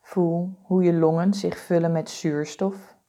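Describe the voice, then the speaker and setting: Slow calm woman doing a body scan meditation, lowish soft-edged mellow voice, lots of pauses. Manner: slow, calm, soothing, deliberate instructions with pauses. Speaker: guided meditation instructor.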